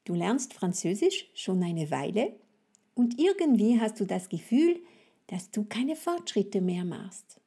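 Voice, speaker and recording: Leading a podcast language lesson, a woman with a French accent speaks slowly and without hurry, explaining deliberately and addressing the listener directly like a coach. Her medium-pitched voice is mellow and soft-edged, with some huskiness, a gravelly quality, and a breathy edge, yet her delivery is very animated.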